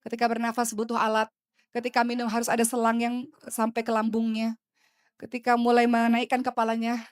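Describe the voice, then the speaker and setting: Woman in her thirties, passionate preacher, slightly high voice, moves from soft to loud. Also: dry recording, studio quality. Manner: impassioned, rhetorical questions, swings between hushed and loud. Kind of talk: religious talk to women.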